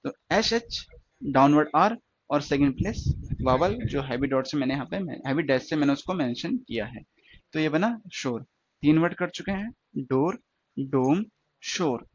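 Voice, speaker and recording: A man's voice: a little high, highs cut off. A male teacher explaining stenography step by step, repeating words and asking his students questions. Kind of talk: classroom lesson.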